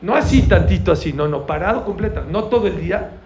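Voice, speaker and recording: A man's voice: high-pitched, expressive, fast talker, a little mellow. A man giving a sermon to young people in an auditorium, telling stories, acting out dialogue and asking the audience questions. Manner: storytelling, acts out dialogue, asks the audience questions. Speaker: religious teacher. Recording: dull lo-fi recording, faint noise.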